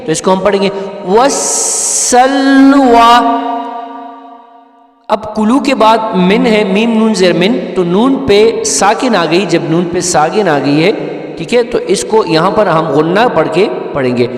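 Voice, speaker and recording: A man teaching Quran recitation step by step, patiently explaining each letter and often checking that his listeners follow. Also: high-pitched. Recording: echoey room with long reverb, faint music.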